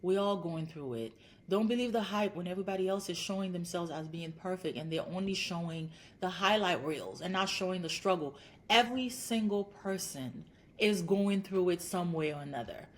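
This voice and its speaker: A Haitian clinical psychologist in her thirties appears as a guest on a podcast interview, her voice on the low side and her pace moderate. She answers earnestly and encouragingly, frequently structuring her points as lists.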